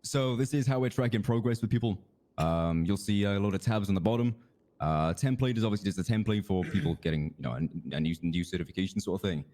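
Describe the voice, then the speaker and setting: A man's voice: lowish voice, quick pace, a little mellow. A man explaining procedures in an in-character police roleplay chat, easygoing and happy to delegate. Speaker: police roleplay streamer briefing a trainer.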